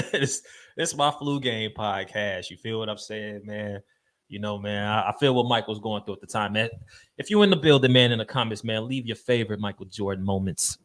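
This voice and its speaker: Stuffy-nosed man, bright sports rant. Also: fairly low pitch, brisk. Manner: loose, emphatic slang-heavy rant with frequent fillers. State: congested, stuffed up with a cold. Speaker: podcast host. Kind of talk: casual sports talk.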